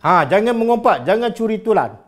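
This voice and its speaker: In a brisk, high voice, a Malaysian Malay-accented preacher gives an animated religious lecture, challenging listeners with rhetorical questions.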